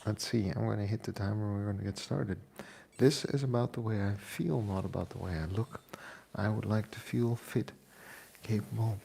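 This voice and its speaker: A man in his forties, a fitness vlogger talking in a casual, unhurried way from his kitchen, pausing often with fillers. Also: fairly low pitch, gravelly, darkish tone, husky. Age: 40s. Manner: unhurried, reflective, pauses with fillers. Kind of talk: casual chat. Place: home kitchen.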